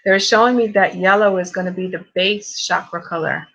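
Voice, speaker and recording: A woman's voice: mid-range voice, moderate pace, creaky, fairly bright tone, lo-fi sound. A woman co-hosting a casual chat, showing her own paintings and talking hesitantly with many ums and likes.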